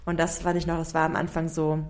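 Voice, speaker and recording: A young woman co-hosts a podcast, chatting casually about early motherhood with plenty of fillers and tag questions. Her voice is deep and completely flat, moving at a quick pace over a faint hiss or hum.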